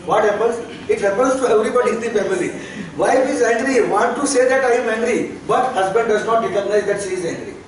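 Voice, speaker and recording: A man's voice: high voice, fast talker, few pauses, crowd noise. A man teaching a therapy class, in plain with chuckling asides. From India. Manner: plain non-native English, chuckling asides. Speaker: therapy trainer. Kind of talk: classroom lecture. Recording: echoey hall, distant mic, faint noise.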